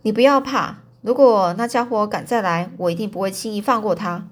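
Cool calm young guy, not scared of anyone, easygoing, lady storyteller voicing him. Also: mid-range voice, brisk, natural voice. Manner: composed, unbothered. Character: calm, fearless young man.

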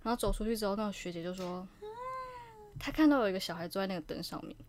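A young woman, co-hosting a podcast in casual chat and telling a ghost story, sometimes dropping to a hushed voice. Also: medium pitch, very fast, slight background noise. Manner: lively storyteller, drops to a hushed voice for spooky parts. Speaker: podcast co-host.

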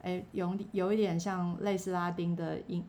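A middle-aged woman, chatting casually about faith and her songwriting, pausing often with fillers and restarts. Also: on the low side, level tone, mellow. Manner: hesitant, many fillers and restarts. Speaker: songwriter and church worker.

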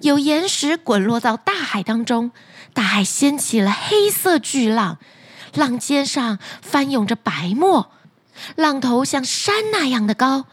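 Slow, breathy woman telling bedtime stories. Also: sits high, big pitch swings, no echo. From Taiwan. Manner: gentle, slow, soothing reading. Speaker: storyteller. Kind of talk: bedtime story narration.

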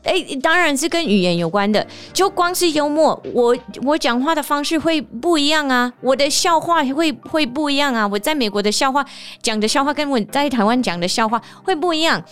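A woman from the United States, a native English speaker, hosting a casual podcast monologue, telling stories in an animated way and laughing often. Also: sits high, brisk, faint music behind. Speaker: podcast host; teacher and performer.

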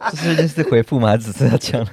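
A man's voice: medium pitch, fast, gravelly, a little mellow, slightly rough, no room sound. A man talks casually as a guest, with dry, wry remarks. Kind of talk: casual chat.

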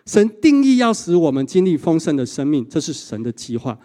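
A male pastor, preaching a sermon and telling stories in an animated way, often tagging sentences with a short "ha". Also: a little high, brisk. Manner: animated storytelling with a frequent 哈 tag.

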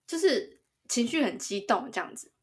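A woman's voice: a little high, moderate pace. A woman co-hosting a podcast, telling stories in casual chat with lots of giggling. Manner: giggly, animated storyteller. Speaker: podcast co-host.

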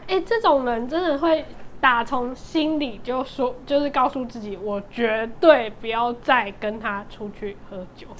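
A woman's voice: a little high, normal speed, a little hiss or hum. A woman co-hosting a podcast, speaking in casual chat and mostly listening with short replies. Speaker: podcast co-host.

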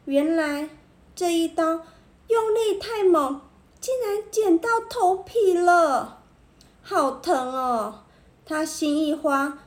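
A woman narrating a children's story in an expressive, animated way. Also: high-pitched, reverberant.

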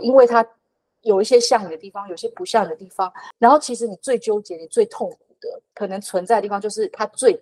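A woman in her thirties or forties, a podcast guest, telling a personal story in a fast, animated way with many fillers and restarts. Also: on the high side, poor audio.

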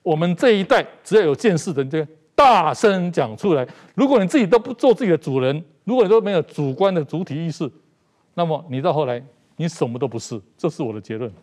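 A man's voice: a little high, animated, fast, a little mellow. A middle-aged man from Taiwan with a Taiwanese Mandarin accent, a talk show guest making emphatic political commentary and repeating phrases for stress. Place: TV studio.

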